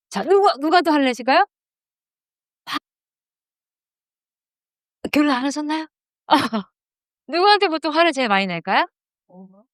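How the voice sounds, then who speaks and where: A woman's voice: on the high side, dry recording, clean studio sound. A woman teaching a class on anger and meditation to a live group, asking questions and then guiding them with eyes closed. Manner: asks the audience questions and answers them. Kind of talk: lecture leading into guided meditation. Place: room with a live audience.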